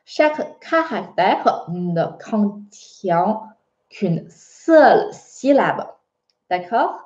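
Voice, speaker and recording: A woman's voice: mid-range voice, dark tone. A woman with a Chinese accent teaching a beginner language lesson, patient and checking in with her students often. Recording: muffled, echoey room.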